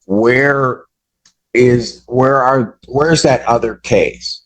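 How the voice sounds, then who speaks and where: A man serving as a judge, speaking from the bench in a courtroom recording, halting and restarting his sentences as he grows exasperated. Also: medium pitch, poor audio.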